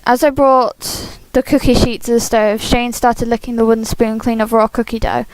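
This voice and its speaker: A woman hosting a game playthrough, reading a visual novel aloud expressively with casual asides, animated and giggly. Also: on the high side, moderate pace, dry recording, poor audio. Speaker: host of a game playthrough series.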